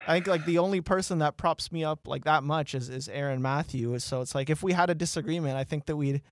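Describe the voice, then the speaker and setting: Teasing higher-voiced podcast guy. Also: fast talker, dry recording, clean studio sound. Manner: animated, teasing, rambling with fillers. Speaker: podcast co-host. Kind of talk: casual sports chat.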